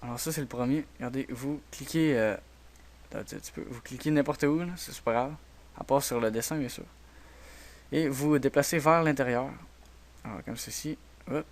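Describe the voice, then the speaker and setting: Man, Québécois French accent, soft-spoken, hesitant, step-by-step screen tutorial. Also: medium pitch, moderate pace. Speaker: tutorial host. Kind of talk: screen-recorded software tutorial.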